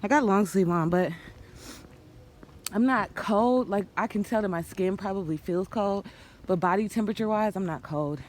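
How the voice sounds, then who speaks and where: A woman's voice: mid-range voice, moderate pace. A woman chatting casually to her vlog, out of breath while out running and walking on a trail. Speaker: vlogger and runner. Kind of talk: casual outdoor vlog chat. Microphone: handheld phone. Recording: noisy outdoor phone recording.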